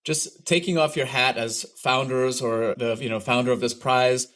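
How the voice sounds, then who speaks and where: A man's voice: medium pitch, steady tone, moderate pace, fairly bright tone. A man hosting a podcast, asking curious, probing questions. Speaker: podcast host. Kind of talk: interviewing.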